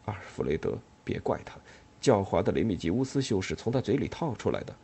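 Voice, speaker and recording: A man voicing an anxious builder who pleads in a hushed voice in an audiobook. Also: on the low side, animated, fast, creaky, breathy edge, heavily acted. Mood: hushed pleading.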